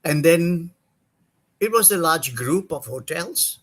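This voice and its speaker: Older man, from Singapore, interview guest, fairly high voice, halting, lots of fillers and restarts. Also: lively intonation, fairly bright tone, poor audio. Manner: halting, many fillers and self-corrections. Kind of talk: career story in an interview.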